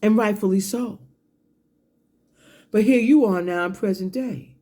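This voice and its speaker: Warm and mid-range, this voice keeps a measured pace while unleashing a profane, combative rant online, dragging each word out emphatically. The speaker pauses to sip a drink and coughs and clears their throat along the way.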